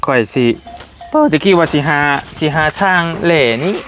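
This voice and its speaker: A man's voice: a little high, normal speed, fairly bright tone, faint music behind. A man with a Lao accent, chatting casually outdoors in a village as he hands over a donation, coaxing and repeating his phrases. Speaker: vlogger delivering donation.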